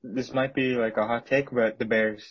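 A man's voice: mid-range voice, steady tone, moderate pace, husky, muffled recording. A man hosting a casual sports podcast, chatting about football and often repeating words as he jumps in.

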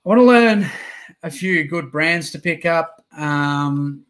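A man's voice: on the high side, lively intonation, slow, fairly bright tone. A man hosting a casual live-streamed interview chat, encouraging and full of "uh" fillers. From Australia. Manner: chatty and encouraging, frequent "uh" fillers.

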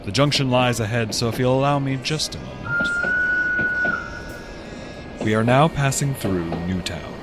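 A man's voice: medium pitch, huge pitch swings, unhurried, pauses often, over loud music. A man playing a mysterious, courtly train conductor in an audio drama, theatrical and ceremonious. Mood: inviting, mysterious.

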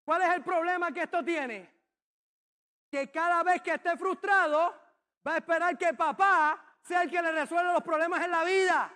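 A man preaching a sermon, emphatic and sometimes shouting key phrases. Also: very high-pitched, fairly even intonation, normal speed. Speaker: pastor.

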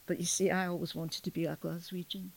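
A Scottish woman in her sixties chats easily as a podcast guest, laughing often and teasing herself along the way. Her voice sits at an ordinary pitch, and the recording is close and dry with no room sound. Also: little pitch movement, quick pace, vocal fry, breathy edge, dry recording. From Scotland. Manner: chatty, laughs often, self-deprecating. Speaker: storyteller guest. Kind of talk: casual podcast conversation.

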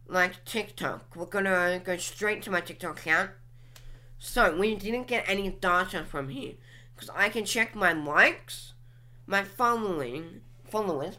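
Young woman, solo podcast host, unhurried drawn-out delivery, bright clear tone, thinks aloud as she clicks around. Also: medium pitch. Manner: drawn-out, musing, talks while clicking through apps. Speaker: podcast host reviewing her channel stats. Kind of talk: casual solo commentary.

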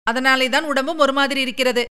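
A woman's voice: high-pitched, steady tone, fast talker, pushed and bright, smooth, pitched above the performer's own voice. A woman voicing a worried, lovesick young princess who speaks in a pleading, emotional way. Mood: complaining.

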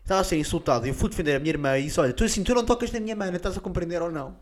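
A man's voice: high-pitched, very fast. A young man with a European Portuguese accent, co-hosting a comedy podcast with brash, theatrical banter. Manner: brash, theatrical, swings between loud outbursts and mumbles.

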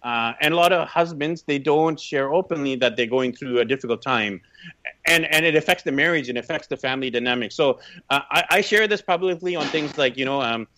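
Brisk, bright and pushed, this medium-pitched male voice belongs to a Canadian in his thirties telling personal anecdotes as a podcast guest. He's conversational and emphatic, and the recording is slightly dull and lo-fi.

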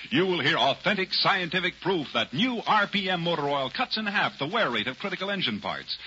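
A man's voice: a little high, pushed and bright. An American man announcing a commercial in vintage mid-century radio style. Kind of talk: 1940s-50s radio advertising announcing. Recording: muffled, faintly noisy vintage radio recording.

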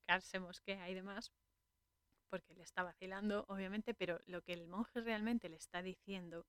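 A woman's voice: mid-range voice, clear, resonant tone, no echo. A woman with a Spain Spanish accent hosting a podcast, casually retelling a film's scenes and laughing often. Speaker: podcast host. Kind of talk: casual podcast film recap.

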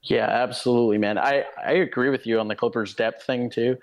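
A man's voice: medium pitch, fairly even intonation, a little fast, highs cut off. A man in his late teens co-hosting a sports podcast, talking in a laid-back, casual way and often ending lines with "man". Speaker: podcast co-host.

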